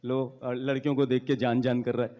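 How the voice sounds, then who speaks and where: A man's voice: mid-range voice, level tone, a little fast, dull audio. A man giving a speech at a school event, joking between lines and declaiming poetry with rising force. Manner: teasing, joking asides between verses; declaiming, rising intensity in verse. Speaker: guest speaker at a school speech competition. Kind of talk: stage speech with recited Urdu verse.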